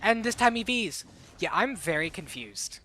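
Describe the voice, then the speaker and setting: A woman with a bright, edgy tone calls a game match live on stream, hyped and quick to react. Her throat is sore, but she keeps the energy up through the play-by-play. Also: medium pitch, sing-song.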